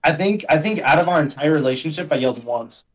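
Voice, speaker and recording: A young man guesting on a casual podcast, his voice sitting a little high for a man. He rambles through his stories in loose slang, leaning constantly on "like" and "bro". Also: expressive, quick pace, low-quality recording. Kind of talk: casual chat.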